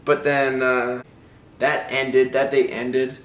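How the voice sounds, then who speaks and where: A young man tells a story in a loose, rambling way, leaning on filler words. His pitch sits in the middle range. The recording has a noticeable room echo. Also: takes it slowly. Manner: relaxed, rambling, lots of "like". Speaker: vlogger, BMX rider. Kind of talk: casual storytelling chat. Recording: echoey room.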